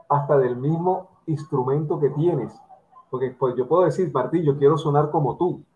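A middle-aged man from Barranquilla, Colombia, hosting a drum interview over a video call, explaining to viewers and using examples. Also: medium pitch. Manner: explanatory, addresses viewers directly, lectures with examples. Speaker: host of an online drum interview. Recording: tinny phone-like video call audio.

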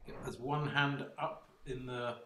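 A man hosts the online event, running questions and microphones in a brisk, practical way. His audio sounds roomy and echoey, with a faint hiss behind it. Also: mid-range voice, fairly even intonation, bright, forceful tone. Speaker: event host. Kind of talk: managing an online Q&A. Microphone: video call. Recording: echoey room, faint noise.

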